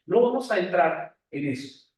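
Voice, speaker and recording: Pastor guy preaching, high voice, keeps asking the crowd stuff, really echoey church, mic far off. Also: expressive, normal speed, a little mellow. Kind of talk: sermon. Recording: very echoey room, voice from afar.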